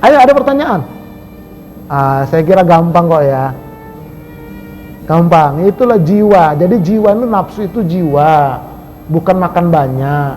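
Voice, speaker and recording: A man preaching a lively sermon, swinging between loud emphasis and soft asides. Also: a little high, measured pace, long pauses, faint music behind, rough recording.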